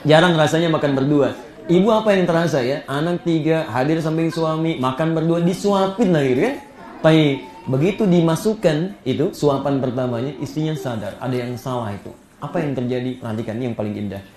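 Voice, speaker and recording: A man preaching a sermon, telling stories with a voice that leaps high for emphasis and drops low and soft. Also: brisk. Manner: animated storytelling, voice climbing high for emphasis and dropping soft. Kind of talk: Islamic sermon to a congregation. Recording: echoey hall.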